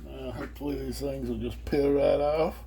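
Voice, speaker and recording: A man's voice: medium pitch, fairly even intonation, normal speed, vocal fry. A man chatting casually and colloquially as he hosts a homemade cooking demonstration. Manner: folksy, colloquial, with y'all and homespun phrases. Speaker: host of a home cooking video channel. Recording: faint background noise and hum.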